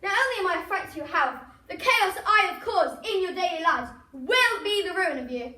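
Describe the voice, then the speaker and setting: A gloating female supervillain virus with a high, bright, sharp voice and big theatrical boasts, as a woman puts her on. Her evil laugh and grand claims ring out in an echoey room. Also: moderate pace. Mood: outraged.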